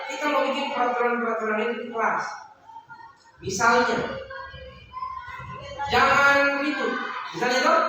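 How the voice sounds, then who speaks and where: Man, teacher, fairly high voice, patient, repetitive explainer; recorded from far off in a noisy classroom. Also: heavy reverb, big-room sound. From Indonesia. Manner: patient, explains by repeating and asking questions. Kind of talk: classroom instruction. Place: school classroom. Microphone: far camera mic.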